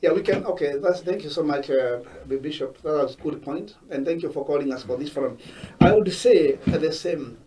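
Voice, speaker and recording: A man from Kenya, a guest on a panel discussion, who speaks haltingly with many restarts. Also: fairly high pitch, warm tone. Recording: voice from far off the mic.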